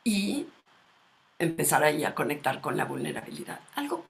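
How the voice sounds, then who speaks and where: A woman, speaking as a guest expert in a calm, measured, explanatory conversation and asking her listeners questions. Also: deep voice, gravelly.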